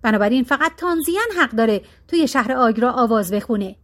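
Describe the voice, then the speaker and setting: Gruff palace guard chief, as a woman puts him on. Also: on the high side, lively intonation. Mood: stern. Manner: harsh, scolding. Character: angry middle-aged male palace guard chief.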